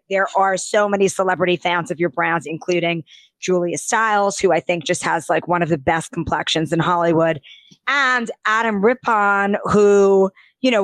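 A woman's voice: mid-range voice, a bit bright, no room sound. Gushing woman podcast host. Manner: gushing, effusive, rambling with many fillers. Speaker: podcast host and beauty editor. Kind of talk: chatty podcast conversation.

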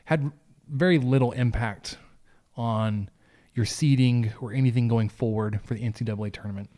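Gentle giant of a podcast host, mellow man. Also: medium pitch, fairly even intonation, normal speed. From Texas, United States. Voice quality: gentle giant voice, soft and big. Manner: informal, loose, conversational. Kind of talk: casual sports podcast chat.

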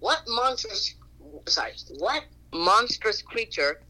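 A man playing a one-armed caller who doesn't get sarcasm, in an improvised comedy bit, talking in a halting, literal way. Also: high voice, very animated, pushed and bright, exaggerated voice, low-quality recording. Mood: plain.

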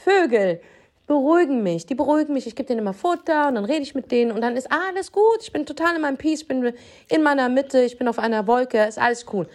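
A woman co-hosting a podcast, telling a story in a lively, animated way, using crude street slang and acting out what people said. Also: sits high, fast talker. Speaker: podcast co-host.

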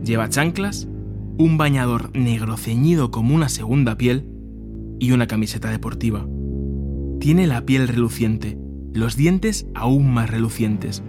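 A man narrating a documentary podcast from a script in a measured, descriptive way. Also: medium pitch, music in the background.

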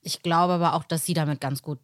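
Low-voiced woman guest, hesitant. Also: steady tone, quick pace, no room sound, studio quality. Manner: hesitant, many fillers. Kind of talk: casual interview answers.

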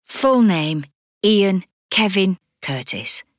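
A woman giving scripted documentary narration in a measured, deliberate way. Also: medium pitch, sing-song, dry recording, studio quality.

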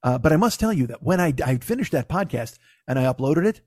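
A man hosting a podcast with a hoarse, gravelly voice as if gargling broken glass, ranting casually and comically with swearing and self-mockery. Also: on the high side, very animated, fast talker, darkish tone, no echo, clean studio sound. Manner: ranting, foul-mouthed, self-deprecating. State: hoarse after losing voice. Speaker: podcast host. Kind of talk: casual comedic monologue.

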